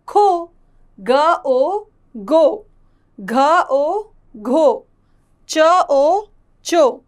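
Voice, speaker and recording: A woman with a high voice teaches a children's lesson. She speaks slowly and patiently, sounding out syllables and repeating them.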